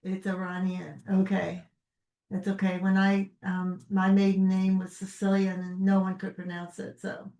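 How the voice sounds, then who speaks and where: A woman with a Brooklyn accent hosts a casual conversation. She sounds a bit far from the microphone, in a room with clear echo. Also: mid-range voice, monotone, measured pace, dark tone. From Brooklyn, New York. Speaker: podcast host. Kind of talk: casual chat. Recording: roomy echo, distant from mic.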